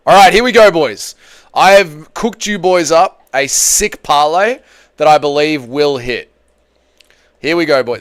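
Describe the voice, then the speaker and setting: A fairly high, clear and resonant voice belongs to this man in his thirties, who hosts a laid-back livestream about MMA. He reads out what viewers write, calls them "boys," and leans on crude, blokey jokes he keeps repeating.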